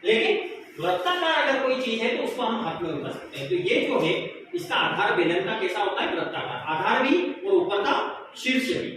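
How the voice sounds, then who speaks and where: A man's voice: high-pitched, very animated, normal speed. A male teacher giving a classroom lesson, asking the pupils questions and answering them himself. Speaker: math teacher. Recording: echoey room, noisy, from far off.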